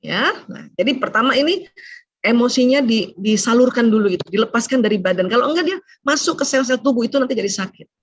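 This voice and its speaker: A middle-aged woman doctor giving a chatty seminar talk to women, often adding "ya" as she explains, with sudden rises and hushed asides. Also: a little high, animated, quick pace, a little hiss or hum. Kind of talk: seminar lecture to a women's audience.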